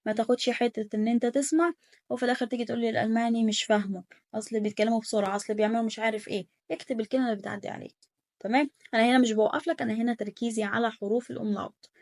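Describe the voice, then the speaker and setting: A young Egyptian woman teaching German, rattling along at high speed with a gravelly, fry-laced voice. She repeats words and coaches pronunciation aloud in a relaxed, chatty lesson. The recording is dry and close. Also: dry recording. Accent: Egyptian Arabic. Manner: rapid, repetitive coaching, drills pronunciation aloud. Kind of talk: casual online language lesson.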